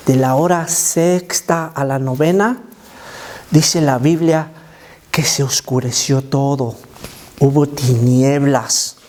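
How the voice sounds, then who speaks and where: A male children's pastor leads a Bible story lesson for kids. His voice sits high and his pace is unhurried. He tells it with emphatic energy and mixes stray English words into his Spanish. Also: slight background noise. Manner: animated and emphatic, inviting listeners to imagine.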